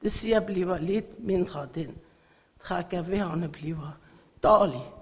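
A middle-aged woman from Iran, giving an emotional church faith testimony in halting phrasing. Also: lowish voice. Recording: echoey hall.

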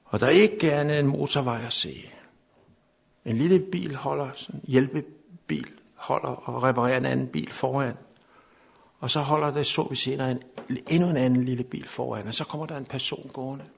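A man's voice: mid-range voice, vocal fry, slightly rough. A man preaching a sermon at a camp meeting, telling a personal story unscripted, with many repeated words, and building to fervent preaching.

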